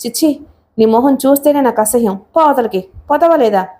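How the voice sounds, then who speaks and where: A woman's voice: high voice, expressive, fairly quick, warm tone. A woman voicing a frail, cowering old man who pleads in a faltering voice and then shrieks in panic, in a storybook reading. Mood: disgusted.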